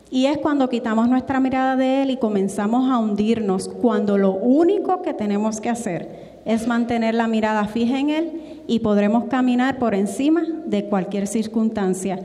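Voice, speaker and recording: Woman preaching, earnest, bit high voice, long hall echo. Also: dark tone. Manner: earnest, emphatic, acts out quotes with rising pitch. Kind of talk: sermon with Bible reading.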